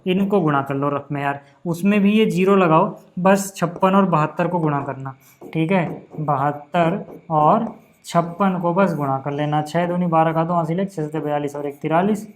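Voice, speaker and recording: Chatty male maths teacher, patient steps. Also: a little high. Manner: patient, chatty, repeats "ठीक है ना" often; slows down to count out steps. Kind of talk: casual Hindi maths lesson.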